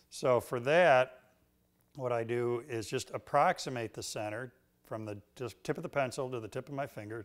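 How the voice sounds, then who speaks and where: Folksy middle-aged man teaching woodworking. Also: medium pitch. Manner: relaxed, folksy, joking. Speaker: woodworking instructor. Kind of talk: instructional demonstration. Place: woodworking shop, indoors. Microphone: lapel mic.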